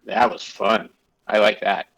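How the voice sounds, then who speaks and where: A man co-hosting a gaming podcast, talking in a playful, rambling way with lively jumps in pitch. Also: unhurried, poor audio. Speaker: podcast co-host. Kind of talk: casual gaming chat.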